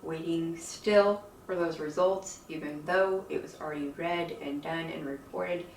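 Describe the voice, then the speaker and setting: A woman chatting casually to her viewers in a weary, folksy, rambling way, her speech softened by missing teeth, lips over gums. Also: sits low, steady tone, a little slow. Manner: chatty, weary, folksy slang, frequent laughs. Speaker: video creator with own channel. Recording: roomy, distant mic, faint noise.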